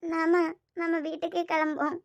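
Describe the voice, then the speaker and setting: A woman's voice: extremely high pitch, flat delivery, normal speed, gravelly. A woman voicing an anxious young wife in a cartoon, speaking in a plaintive, hesitant way with a Kanyakumari Tamil accent. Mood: troubled. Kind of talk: cartoon voice acting.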